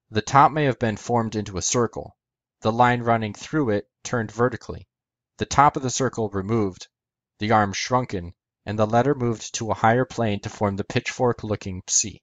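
A man's voice: fairly low pitch, moderate pace, dry recording. A man hosting an educational video, narrating a methodical scripted explanation step by step.

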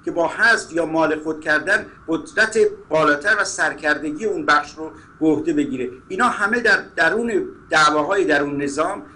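Male guest analyst, bright and forceful tone, measured, explanatory delivery. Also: fairly high pitch. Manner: measured, explanatory, hesitates with fillers. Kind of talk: political commentary.

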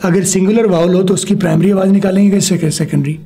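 A man teaching a spoken language lesson, slowly modeling words and having a pupil repeat them back after him. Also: high voice, fairly even intonation, vocal fry, dark tone. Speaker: English teacher.

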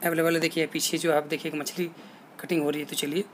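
A man, walking through an outdoor fish market and narrating a casual vlog into a phone held at arm's length, pointing things out in a plain, unhurried way. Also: fairly high pitch, little pitch movement, rough recording. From India. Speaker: vlogger. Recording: outdoor street noise and traffic.

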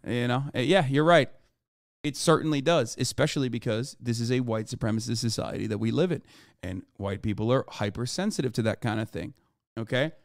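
A blunt, swearing male streamer talks through his opinions in a smooth, resonant voice. The sound is dry and close, with almost no room around it. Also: mid-range voice, fairly quick, no room sound. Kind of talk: casual reaction commentary.

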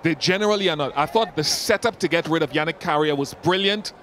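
A man commentating on cricket in a measured, analytical way. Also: a little high, fairly bright tone, slight background noise.

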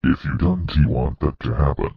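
A demonic evil purple dinosaur, gloating and threatening at a slow, deliberate pace. The voice sits extremely low with a gravelly, husky edge. It comes through dull and muffled, like a lo-fi cartoon track. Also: male voice, exaggerated voice. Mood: menacing.

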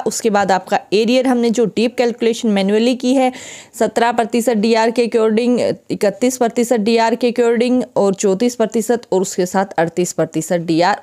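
A woman's voice: mid-range voice, dark tone. A woman hosting a pension news channel, steadily explaining arrear calculations and reading out figures over a handwritten table.

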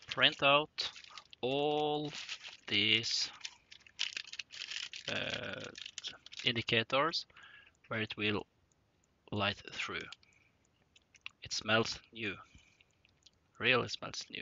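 A man casually narrating an unboxing of simulator parts at his desk, thinking aloud with hesitant pauses. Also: mid-range voice, pushed and bright. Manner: slow, halting, thinking aloud with frequent pauses. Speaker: hobbyist unboxing flight simulator cockpit parts. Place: indoor workshop room at a desk. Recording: dull lo-fi sound with clear rustling and clicking noise.

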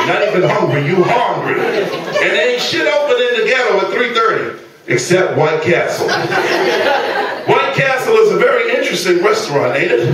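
High-voiced Queens stand-up man, echoey club. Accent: Queens New York. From Queens, New York. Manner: loud, animated, streetwise slangy delivery. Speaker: stand-up comedian. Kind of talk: stand-up comedy to a live club crowd. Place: small comedy club stage. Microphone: handheld stage microphone, filmed from the audience. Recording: echoey club, distant camera, loud crowd laughter.

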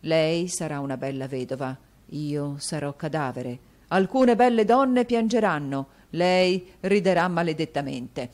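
A woman's voice: deep voice, measured pace, hardly any pauses, a little mellow. A woman voicing a self-pitying, theatrical dandy husband who exclaims and wails. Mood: melodramatic. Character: melodramatic self-pitying husband, dandy middle-aged man.

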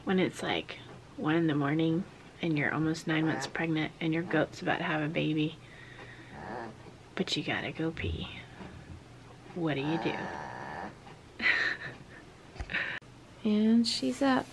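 Soft-spoken woman with a gravelly edge. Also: low-pitched, unhurried, pauses often, background noise. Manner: soft-spoken, often whispering. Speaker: vlogger. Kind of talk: casual vlog narration. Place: wooden barn at night and farmhouse kitchen.

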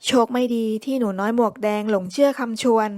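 A woman narrates a children's bedtime story in a clear, expressive read-aloud style. Her voice sits somewhat high for a woman. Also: brisk, no echo, studio quality.

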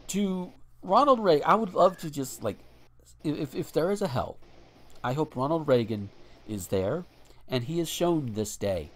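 A man's voice: a little high, lively intonation, unhurried. A man co-hosting a casual podcast, talking bluntly and swearing freely, and sometimes reading a news article aloud. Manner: blunt and profane, ranting with restarts. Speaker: podcast co-host.

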